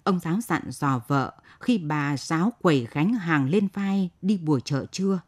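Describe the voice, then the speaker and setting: A woman tells a story aloud in a lively, expressive way. Her voice sits a little low for a woman. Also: unhurried, dry recording. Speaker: narrator. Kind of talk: audiobook story narration.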